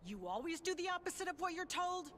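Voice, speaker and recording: A woman's voice: very high-pitched, very animated, fast talker, a bit bright, full character voice. Tough female zombie game survivor, ex-army, commanding, blunt, sardonic, slight noise behind. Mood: irritated, threatening. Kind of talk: scripted video game acting. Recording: faint background noise.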